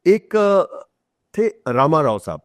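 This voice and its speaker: Slow and slightly high-pitched with big swings in pitch, a man with an Indian accent guests on a podcast as an author, recorded in a studio with no echo. He tells stories in an explanatory, conversational way, acts out quotes, and blends Hindi with English.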